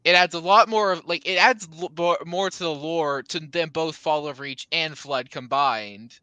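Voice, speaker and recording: A man's voice: a little high, moderate pace, bright, forceful tone, smooth, no room sound. A man chatting casually in a book club discussion, rambling with lots of fillers and restarts.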